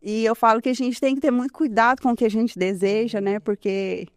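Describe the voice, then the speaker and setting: Earnestly recounting her testimony in an interview, a woman in her 30s talks a little fast in a voice on the high side with fairly even intonation. She keeps adding "né?" to her phrases and laughs softly. The recording is studio quality, with no room sound.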